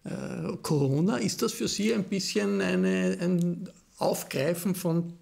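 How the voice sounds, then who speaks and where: Husky gravelly Austrian interviewer, halting. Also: male voice, sits high, a little mellow. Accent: Austrian German. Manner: halting, searching for words. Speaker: interviewer, journalist. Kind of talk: political interview.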